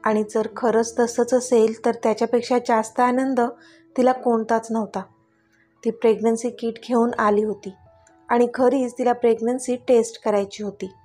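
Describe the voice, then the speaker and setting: A woman narrating a serialized romance story in a gentle, emotive reading style. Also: fairly high pitch, level tone, normal speed. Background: faint background music.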